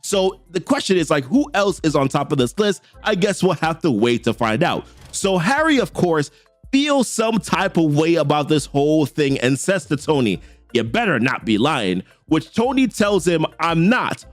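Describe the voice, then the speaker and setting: Very animated and a little high-pitched, a young man with a Jamaican accent runs through a comic's plot for his comic book channel, speaking casually with plenty of slang. He reads character lines in quick quotes over a dry recording with faint background music.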